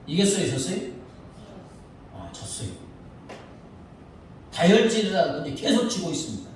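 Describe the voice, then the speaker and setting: A male pastor preaching a sermon, telling the story with lively, acted-out quotes. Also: sits high, moderate pace, heavy reverb, distant mic, slight background noise, low-quality recording. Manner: animated storytelling, acting out quoted lines. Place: church sanctuary.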